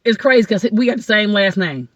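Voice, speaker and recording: A woman from Ohio, a guest comedian, telling rambling, excited stories in casual podcast chat. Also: mid-range voice, brisk, no echo. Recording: dull lo-fi dry sound.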